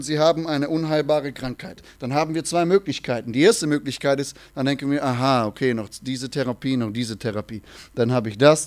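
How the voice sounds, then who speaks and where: A man's voice: medium pitch, darkish tone. A man preaching a sermon in an earnest manner, quoting scripture and repeating phrases for emphasis.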